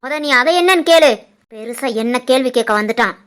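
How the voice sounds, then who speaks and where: A woman voicing a sharp-tongued, scheming older mother in an animated family drama, with a Tirunelveli Tamil accent. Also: sits high, fairly quick, smooth. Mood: irritated. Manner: grumbling, scornful.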